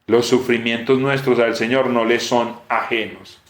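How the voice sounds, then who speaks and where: A man preaching a sermon with emotion, dropping soft and rising loud. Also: mid-range voice, flat delivery, measured pace. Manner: emotional, swings between soft and raised voice. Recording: roomy echo.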